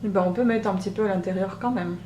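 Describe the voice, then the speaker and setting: Woman, soft voice, casual tutorial chat, hesitant; distant mic, roomy, loud hum behind. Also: medium pitch. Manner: chatty, hesitant with many pauses. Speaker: beauty vlogger. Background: machine hum.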